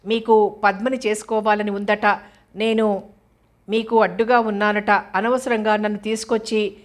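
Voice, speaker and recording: A woman reading the part of a grieving, frightened young woman in an audio novel, with soft, tearful pleading in an even tone. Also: mid-range voice, normal speed, lightly acted. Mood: hurt.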